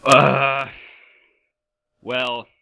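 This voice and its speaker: A man's voice: mid-range voice, completely flat delivery, very slow, vocal fry, pushed and bright. A man from Sweden answering interview questions as a competitive player, with dry humor. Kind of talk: casual interview.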